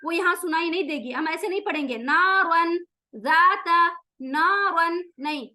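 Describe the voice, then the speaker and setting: A woman teaching Quran recitation rules, explaining each rule and then chanting the words slowly to show them. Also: very high voice, bright, forceful tone. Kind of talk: tajweed lesson with slow recitation.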